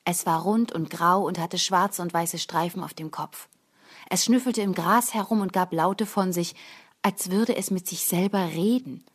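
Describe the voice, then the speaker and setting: A woman narrating a children's storybook aloud in a calm, even manner. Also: on the low side, a little slow, breathy edge. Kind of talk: storybook reading.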